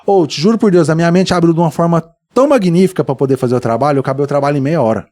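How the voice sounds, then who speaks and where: A man's voice: fairly high pitch, very fast, a little mellow. A man with a Brazilian Portuguese accent, a podcast guest animatedly telling his story and acting out the dialogue in it. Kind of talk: storytelling in a casual podcast interview.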